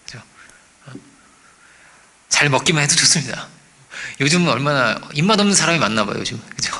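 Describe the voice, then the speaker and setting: A man preaching a sermon as pastor, animated, asking the congregation for agreement and acting out quoted voices. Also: medium pitch, brisk. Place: church.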